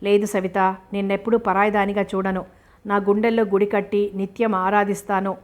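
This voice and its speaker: A woman's voice: mid-range voice, flat delivery, fairly quick, lightly acted. A woman voicing a grateful, affectionate young male medical student in a storybook reading, speaking earnestly and tenderly.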